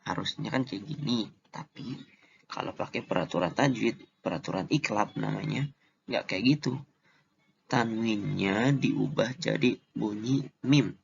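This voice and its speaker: A man explains recitation rules in a very slow, deliberate lesson, stretching each example out. His fairly low voice is heavily gravelly. The recording sounds slightly dull and lo-fi. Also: a little hiss or hum. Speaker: Quran recitation teacher.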